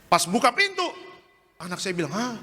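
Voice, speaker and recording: A man, a pastor, telling a personal testimony in a sermon, animated and joking with the congregation. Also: high-pitched, normal speed. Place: church hall. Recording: live stream in a reverberant church hall.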